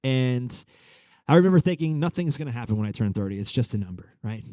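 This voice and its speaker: A man's voice: mid-range voice, lively intonation, fast talker, dark tone, no echo. A man in his thirties giving a conversational sermon as a pastor, telling a story with many fillers. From Long Island. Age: 30s.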